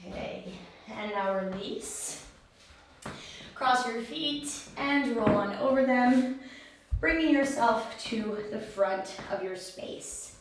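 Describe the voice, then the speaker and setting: A woman teaching a yoga class, giving step-by-step pose instructions in a calm, soothing, encouraging way. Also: on the high side, takes it slowly. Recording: very echoey room, far mic, faint noise.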